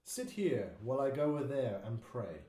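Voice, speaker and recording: Solemn Jesus read by a man: measured, dark-toned, echoey. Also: mid-range voice, big pitch swings, lightly acted. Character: Jesus, solemn grown male teacher. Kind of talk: dramatised Bible reading. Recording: echoey room.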